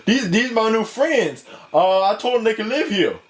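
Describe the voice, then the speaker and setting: A man's voice: sits high, lively intonation, normal speed. A man voicing a laid-back male cartoon dinosaur who drawls street slang in a puppet comedy skit. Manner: drawling street slang, calls people folk.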